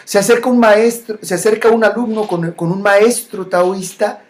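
A speaker gives a reflective spiritual monologue. The delivery is slow, with repeated phrases and frequent pauses and restarts. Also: medium pitch, fairly even intonation.

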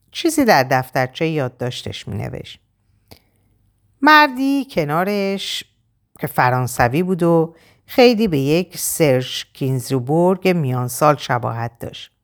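A woman narrating an audiobook in an expressive, measured reading. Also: low voice.

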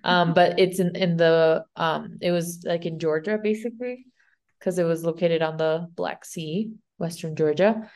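Woman, Spanish accent, somewhat low voice, casual podcast co-host who rambles and restarts as she tells a story. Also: a little slow, darkish tone. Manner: rambling, unsure, lots of "like" and restarts. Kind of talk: casual chat retelling a myth.

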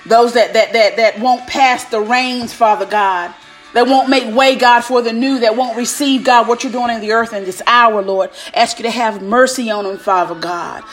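A woman's voice: a little high, steady tone, normal speed. A woman praying aloud like a preacher, fervent and commanding, punctuating her phrases with repeated invocations of God. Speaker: preacher leading prayer. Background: music.

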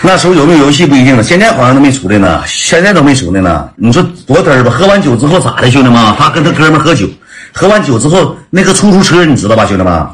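A man's voice: medium pitch, very animated, racing, soft background music. A man with a Northeastern Chinese accent, telling a comic story in a chatty way, laughing as he goes and calling out to his listeners.

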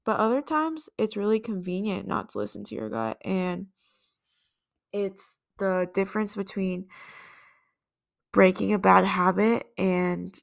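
With a medium pitch, lively intonation and vocal fry, the podcast host talks unhurriedly on her own, earnest and reflective, sometimes starting her sentences over.

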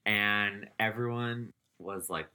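Slow, bright-voiced male podcast co-host. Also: on the low side, clear, resonant tone. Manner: laughs while telling, trails off with "um". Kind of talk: casual gossip chat.

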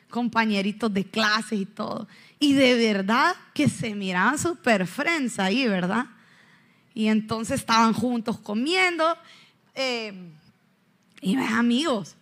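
A woman pastor in her thirties preaching in church, telling animated stories and asking the congregation questions. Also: a little high. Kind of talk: sermon.

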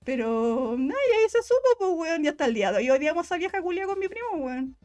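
A woman's voice: very high-pitched, faint music behind. A young woman with a Chilean accent, telling a personal story in casual, slangy chat and voicing the people in it. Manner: fast, slangy, animated storytelling with voiced quotes.

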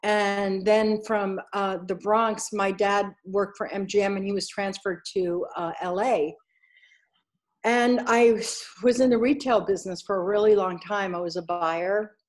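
A woman's voice: mid-range voice, steady tone, measured pace. A middle-aged woman from New York, a casting director chatting as a guest in a casual interview, telling stories and laughing easily.

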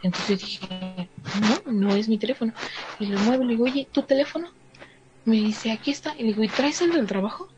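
A woman's voice: a little high, a little fast, music in the background. A woman with a Mexican Spanish accent casually telling a story to a listener, filling in with little asides and playing out the dialogue. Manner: chatty, fills in with "o sea", acts out the dialogue. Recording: slightly dull sound with faint noise.

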